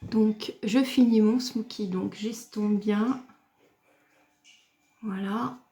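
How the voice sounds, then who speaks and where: A woman from France talks her viewers through a makeup routine at a slow, unhurried pace. She explains each step patiently and addresses the camera directly, like a beauty vlogger. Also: mid-range voice, steady tone, warm tone. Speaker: beauty YouTuber. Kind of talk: makeup tutorial talk to camera.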